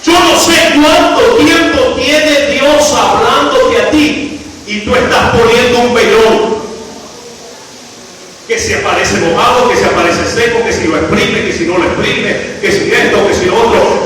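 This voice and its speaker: A high, bright-voiced man preaches with passion in a church, his voice climbing into shouts. He sounds far from the microphone in a big, echoing hall. A faint hiss runs under the recording. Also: a little slow. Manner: impassioned preaching that rises to shouts. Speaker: pastor. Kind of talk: sermon. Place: church sanctuary.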